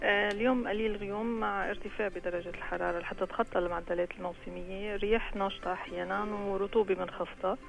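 A Lebanese woman delivers the weather forecast quickly and casually, filling her pauses with drawn-out "aah"s. Her voice has a gravelly, creaky edge, and faint music plays underneath. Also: medium pitch, fairly even intonation, low-quality recording. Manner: chatty, informal, with filler "aah". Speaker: weather presenter. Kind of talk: conversational weather report.

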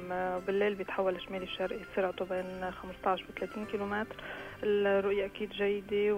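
A woman's voice: mid-range voice, poor audio. A woman with a Lebanese accent giving a chatty, informal weather report on the radio. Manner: chatty, informal, with filler "aah". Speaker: weather presenter.

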